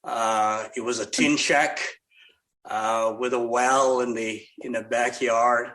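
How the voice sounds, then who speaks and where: Halting older man from Malaysia, interview guest. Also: medium pitch, steady tone, a bit bright, poor audio. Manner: halting, repeats words. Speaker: podcast guest, investor. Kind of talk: conversational interview answers.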